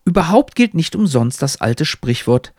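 A man does a full character voice, pitched above his natural one, as a pompous old talking hat that lectures in a stilted, old-fashioned manner. His voice is a little high, husky and darkish, very animated at a normal pace, recorded clean in a studio with no room sound.

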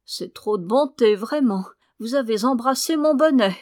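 Une femme qui prête sa voix à une jeune épouse coquette et piquée, au ton faussement angélique. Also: female voice, on the high side, animated, moderate pace, darkish tone, dry recording, clean studio sound, natural voice. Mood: teasing. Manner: piqued, affected sweetness. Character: coquettish, prickly young wife at bedtime.

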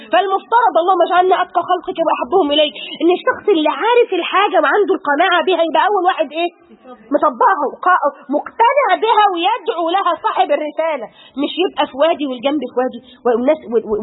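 A middle-aged woman with an Egyptian Arabic accent giving an Islamic lesson, fervent and full of pious exclamations. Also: very high voice. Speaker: religious teacher. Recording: tinny phone-like audio.

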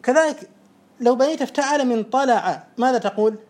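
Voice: medium pitch, expressive, brisk, a little mellow. A teacher giving a classroom lesson, explaining step by step, repeating each example and putting questions to a student.

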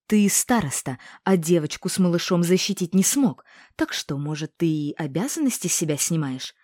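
Fierce, bossy witch, woman reader voicing her sharp and commanding, in a dry, warm-toned read. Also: lowish voice, lively intonation, moderate pace, no room sound.

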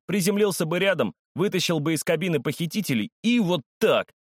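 A man's voice: on the high side, lively intonation, a little fast, dry recording, clean studio sound, pitched above the performer's own voice. A man voicing a boastful, fight-eager strongman schoolboy in a storybook.

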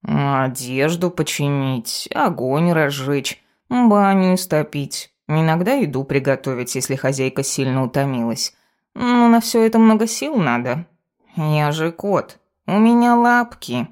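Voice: mid-range voice, expressive, measured pace, darkish tone, close to an everyday voice. A reader voicing a self-important male talking cat familiar who grumbles and lectures his mistress in an audiobook. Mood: bossy, lecturing. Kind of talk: audiobook character voice.

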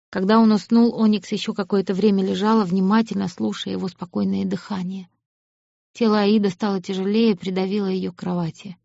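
A woman reading scripted audiobook narration in a measured, expressive way. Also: mid-range voice, vocal fry, dry recording. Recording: dull lo-fi audiobook recording.

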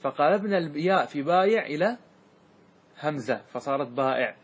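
A man, a sheikh, teaching a class on Arabic grammar, reciting verse slowly and checking whether students follow. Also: a little high, animated. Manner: asks students rhetorical checks like "clear?". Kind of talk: classroom lesson explaining verse.

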